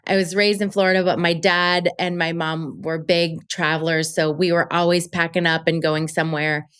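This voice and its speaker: A woman's voice: on the low side, level tone, moderate pace, fairly bright tone, clean tone. A woman guest on an interview podcast, chatting casually and upbeat about her work, with many fillers. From Colombia. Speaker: podcast guest, travel show creator.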